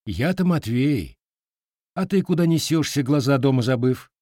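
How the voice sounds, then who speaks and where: A man playing a wry, steady young Cossack. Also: medium pitch, normal speed, dry recording, studio quality, voice pushed up, lightly acted. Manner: wry, mocking, firm.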